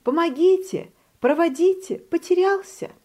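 A woman voicing a frightened, whiny lost little duckling in a high, squeaky, whining voice for a children's storybook reading. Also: measured pace, darkish tone. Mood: frightened whimper.

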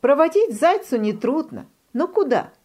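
A fussy, sensible forest hare, played by a woman reading the tale, talks briskly and scolds. Its lively voice rises a little above a plain speaking voice. It is the impatient grown-up of a children's storybook. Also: high-pitched, pitched above the performer's own voice.

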